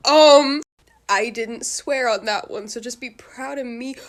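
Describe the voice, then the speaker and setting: A woman's voice: fairly high pitch, a little slow. A woman making a casual comedy video, blurting out random words and laughing at herself in disbelief. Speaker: TikTok creator.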